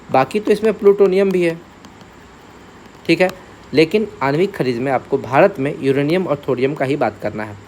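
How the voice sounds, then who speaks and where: A man's voice: fairly high pitch, darkish tone. A man gives an exam-prep lecture in a slightly raised voice. He lists terms one by one, repeats the important ones and keeps checking that his students follow. Faint background noise sits under the recording. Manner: repeats key terms, asks and answers his own questions; checks in often with "theek hai". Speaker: exam coaching teacher.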